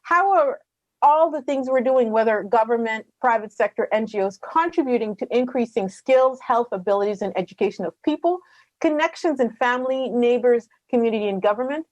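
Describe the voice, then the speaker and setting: A middle-aged woman from Rwanda speaking earnestly as a panelist, quick and passionate, with some fillers. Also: fairly high pitch, a little mellow, dry recording, lo-fi sound. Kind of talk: conference talk.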